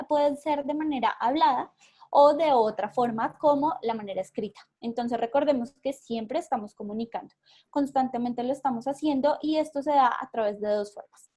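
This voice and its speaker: A woman's voice: high voice, darkish tone. A Colombian woman leading an online workshop, explaining step by step with many fillers and repeated words. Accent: Colombian Spanish. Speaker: workshop facilitator. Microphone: video call.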